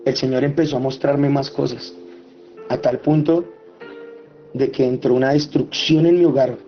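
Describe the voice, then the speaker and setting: A man gives an emotional personal testimony at a moderate pace with fairly even intonation, yet he speaks with passion and his voice climbs high as he relives the quarrels. The audio is slightly muffled, with soft music playing underneath.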